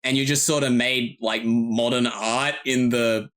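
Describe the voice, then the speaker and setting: A man who ran a tabletop game, recapping it in relaxed, casual podcast chat with lots of fillers and laughter. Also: mid-range voice, measured pace. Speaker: game master.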